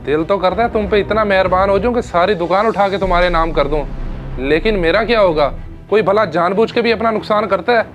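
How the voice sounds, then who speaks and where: A high-voiced, leering shopkeeper mocks and insinuates, played by a man. Soft music plays under the scene. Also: fairly quick, close to an everyday voice. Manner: mocking, insinuating. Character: leering, greedy male shopkeeper. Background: soft background music.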